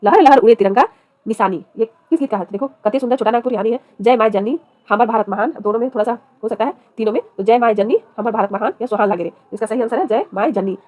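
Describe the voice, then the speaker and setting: A woman, speaking fast in a fairly high voice, runs through quiz questions one after another. She reads each question and its options, then announces the correct answer. The recording is dry and close. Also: darkish tone, dry recording. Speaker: exam-prep teacher.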